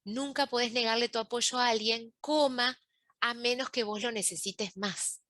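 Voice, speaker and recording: A woman's voice: fairly high pitch, steady tone, moderate pace, bright, forceful tone, dry recording. A woman coach, giving a webinar talk and explaining step by step, often checking in with "¿sí?". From Uruguay. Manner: explanatory, asks rhetorical checks.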